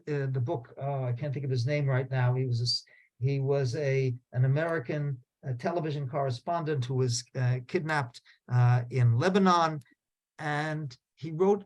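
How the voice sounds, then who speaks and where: Male lecturer, slightly high pitch, halting, hesitant delivery. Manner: halting, many filler sounds and restarts. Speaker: professor giving a talk. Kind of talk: lecture on a video call.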